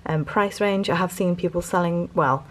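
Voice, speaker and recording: A woman's voice: fairly low pitch, normal speed. A British woman giving casual haul commentary as a reseller vlogger, talking in a hesitant, rambling way.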